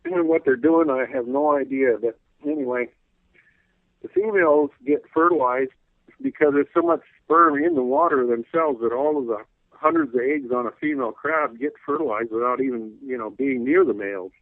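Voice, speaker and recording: Guy on the phone to a radio show, folksy rambling, voice going hoarse, tinny phone line. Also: medium pitch, moderate pace, no room sound. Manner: rambling, folksy, full of "you know". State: losing his voice, clearing his throat. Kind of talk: casual call-in radio interview. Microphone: telephone.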